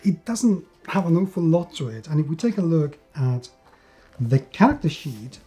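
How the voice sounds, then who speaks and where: Pitched on the high side with big pitch swings, the reviewer's mellow voice moves at a normal speed over faint background music. He hosts a scripted-sounding tabletop role-playing game review, enthusiastically repeating words for emphasis.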